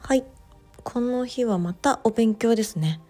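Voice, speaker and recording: A woman narrating her vlog in a relaxed voice-over, chatty and gently enthusiastic, with soft fillers. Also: a little high, unhurried, faint music behind. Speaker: bookstore owner vlogger.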